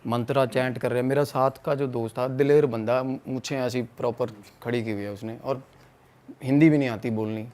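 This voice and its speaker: A man's voice: mid-range voice, fairly quick. A young man from Punjab telling a spooky story in casual podcast talk, acting out his friends' lines and mixing in English and Punjabi. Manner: animated, acts out quoted friends, mixes in English and Punjabi. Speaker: guest storyteller.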